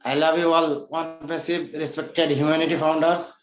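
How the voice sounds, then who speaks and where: A man from Bangladesh greeting the webinar, loud, slow and halting on a video call. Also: on the high side, little pitch movement, reverberant, highs cut off, faint music behind. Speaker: company member on a webinar. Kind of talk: short spoken greeting.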